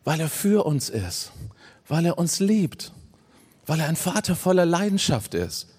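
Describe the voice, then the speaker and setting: Male preacher, fairly high voice, sermon delivery with hushed lows and emphatic peaks. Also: big pitch swings, measured pace, husky. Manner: swings between low hushed phrases and raised emphatic ones; addresses listeners directly and warmly as friends.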